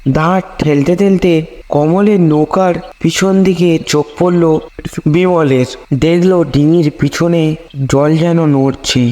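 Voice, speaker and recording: A man with a fairly high voice and dark tone tells a scripted horror story in a storyteller's manner. His intonation is fairly even and his pace measured, while long reverb trails after each phrase.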